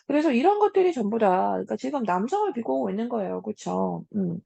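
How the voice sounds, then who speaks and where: Mellow, gravelly woman teacher. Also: medium pitch, no room sound. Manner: casual, talks to students as 얘들아 with frequent hums. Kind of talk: lecture on classic literature.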